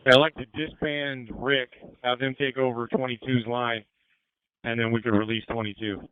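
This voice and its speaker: A man's voice: medium pitch, little pitch movement, moderate pace, clean tone, no room sound, phone-quality sound. An American man working as a fire officer, giving terse, practical updates in police-radio style over a radio transmission. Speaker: firefighter officer.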